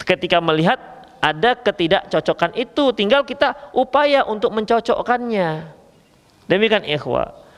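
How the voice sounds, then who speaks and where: A man's voice: high-pitched, normal speed, long reverb tail. A man preaching a religious lecture in a casual, joking way with a Medan accent. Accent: Medan Indonesian. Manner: lively, joking, addresses listeners as ikhwah. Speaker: Islamic preacher.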